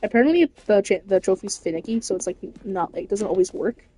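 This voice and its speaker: A woman's voice: medium pitch, expressive, quick pace, warm tone, slightly rough. A woman giving casual, swearing commentary while streaming a game.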